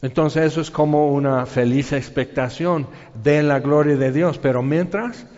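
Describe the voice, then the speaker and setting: A middle-aged man with a Mexican accent preaching a sermon in a lively, colloquial storytelling manner, with spoken sound effects. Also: a little high, unhurried. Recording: dull reverberant hall.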